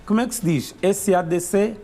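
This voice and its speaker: A man's voice: high voice, a little fast, warm tone, soft background music. An Angolan man with an Angolan Portuguese accent, a language teacher explaining grammar patiently and step by step on a morning show.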